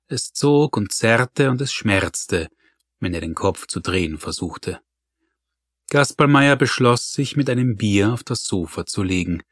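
A man narrating an audiobook in a calm, even storytelling manner. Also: lowish voice, no room sound, studio quality. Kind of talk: scripted narration.

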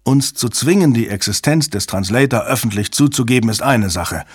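A man doing a loud, panicky, heavyset tech boss. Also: medium pitch, moderate pace, husky, dry recording, clean studio sound, lightly acted. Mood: agreeing. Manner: blunt, crude, shouting in panic. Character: large excitable male systems chief.

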